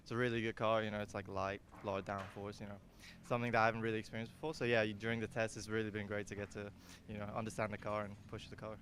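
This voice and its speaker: A man's voice: lowish voice, little pitch movement, very fast, a bit bright, a little hiss or hum. A young man from Singapore, a racing driver, answering interview questions in an easygoing way full of fillers. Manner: easygoing, filler-heavy with many you-knows. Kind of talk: casual interview.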